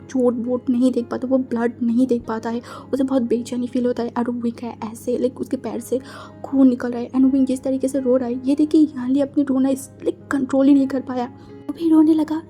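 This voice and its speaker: A woman narrating a fan fiction story in a chatty, filler-heavy way, mixing in English words. Her voice is high but dark and mellow. Faint music plays behind her.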